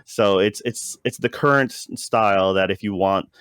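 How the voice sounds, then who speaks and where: A man with a lowish, fairly bright, smooth voice co-hosts a casual review chat about a show, speaking at a moderate pace. He rambles hesitantly and keeps interrupting himself. The recording is dry and of studio quality.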